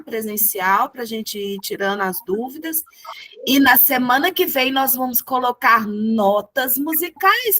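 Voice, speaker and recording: A woman teaching a group music lesson over a video call, encouraging the class and chanting words slowly in rhythm. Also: fairly high pitch, bright, forceful tone.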